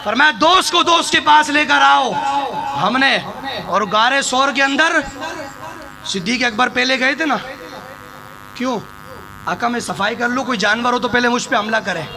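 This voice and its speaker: A man preaching an impassioned sermon, telling stories with quoted dialogue and building to shouts. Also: extremely high pitch, moderate pace, pauses often. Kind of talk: sermon to a live audience. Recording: sermon with a loud crowd behind. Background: crowd.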